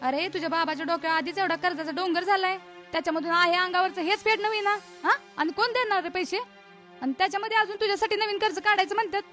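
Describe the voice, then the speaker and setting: A woman's voice: extremely high pitch, quick pace, sharp tone, faint music behind. An actress playing a worried poor village mother, nagging and anxious. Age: middle-aged.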